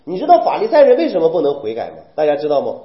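Male preacher, animated, full of rhetorical questions; roomy, dull recording. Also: on the high side, rapid-fire. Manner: animated, rhetorical questions, mimics weeping believers. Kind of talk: sermon.

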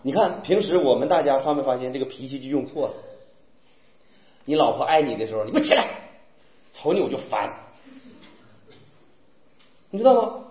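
Animated preaching man, echoey room. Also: medium pitch, moderate pace, long pauses, lo-fi sound. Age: young adult. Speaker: pastor. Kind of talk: sermon.

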